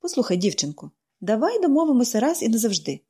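A woman doing a gruff brooding stranger man. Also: a little high, big pitch swings, fast talker, mellow. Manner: curt, annoyed, muttering.

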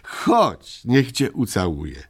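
A man voicing a calm, kind mother troll who speaks gently. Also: lowish voice, takes it slowly, husky, heavily acted. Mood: tender.

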